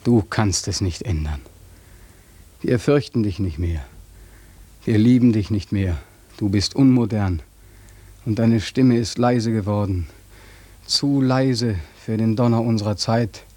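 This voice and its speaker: A man's voice: on the low side, a little slow, pauses often, warm tone, dry recording. An actor playing a bitter young war veteran who accuses God and mocks people while dreaming of his own death. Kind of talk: radio play acting.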